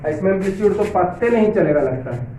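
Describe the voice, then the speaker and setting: A male science teacher giving a classroom lecture, often asking students if it is clear, reading English lines slowly and then explaining them. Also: high-pitched, animated, warm tone. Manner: repetitive, asks check questions often. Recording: roomy, distant, dull lo-fi sound with faint hiss.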